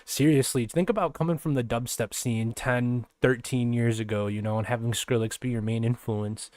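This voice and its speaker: A man's voice: medium pitch, fairly even intonation, normal speed, a little mellow, no echo. Chatty man hosting a podcast, dry sound. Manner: rambling and chatty, many fillers and restarts. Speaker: podcast host. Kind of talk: casual podcast monologue.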